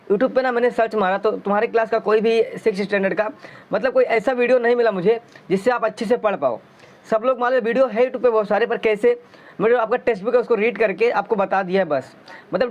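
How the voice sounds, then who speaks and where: A man teaching a school science lesson in a chatty, coaxing way, asking his students questions as he goes. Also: sits high. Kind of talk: explaining a science lesson in Hindi. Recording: dull lo-fi sound.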